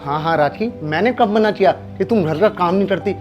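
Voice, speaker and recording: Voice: mid-range voice, a little fast, muffled recording, faint music behind, close to an everyday voice. A performer acting a husband who firmly reasons and defends the servant in a short drama skit. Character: husband, a fair-minded office-going man. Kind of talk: scripted Hindi skit acting.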